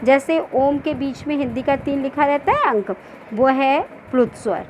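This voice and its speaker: A woman teacher giving a grammar lesson, asking the class questions and answering them herself, repeating key points slowly and stretching out example words. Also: high voice, darkish tone, a little hiss or hum, low-quality recording. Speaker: school teacher.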